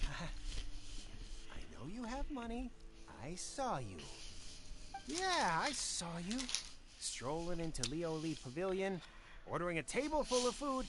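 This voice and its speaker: A shady street hustler leaning on someone for money. The voice wheedles and blusters, swinging widely in pitch. This is game cutscene dialogue. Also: noisy background. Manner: wheedling then blustering, stammers when caught.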